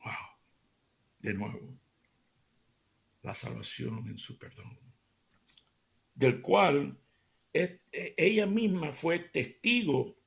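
Gravelly man preaching on radio. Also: fairly high pitch, drawn-out words, long pauses. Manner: animated, dramatic storyteller who drops to soft near-whispers for emphasis. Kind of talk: radio devotional storytelling.

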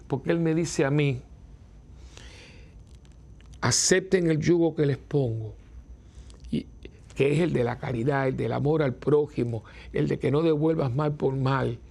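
Older priest, husky gravelly voice, chatty and chuckling, breaks off and restarts. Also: male voice, mid-range voice, fairly even intonation, unhurried, long pauses, a little mellow. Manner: conversational, self-interrupting, chuckling. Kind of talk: informal spiritual talk.

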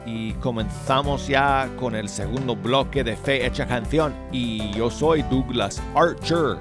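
A man's voice: medium pitch, takes it slowly. A middle-aged man hosting a casual music show on radio, chatty and self-deprecating, working to articulate and slightly slurred from dental braces. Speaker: radio host. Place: radio studio.

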